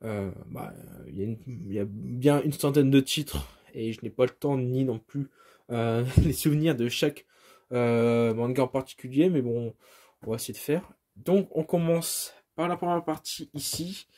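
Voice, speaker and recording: A man's voice: mid-range voice, expressive, moderate pace, dark tone. A man talks casually while filming his room on a phone held at arm's length. His speech is hesitant, full of fillers and self-corrections, with modest, self-deprecating apologies as he goes. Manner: hesitant, many fillers and restarts. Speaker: vlogger showing his manga collection. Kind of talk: casual home video tour.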